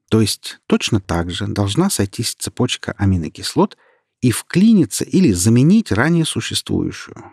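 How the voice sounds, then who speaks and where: A man reads a sharp, proud young woman in an audiobook, explaining her ideas earnestly and at length. The voice has a husky grain, and the sound is dry and close. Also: mid-range voice, dry recording, voice pushed up. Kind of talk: audiobook character reading.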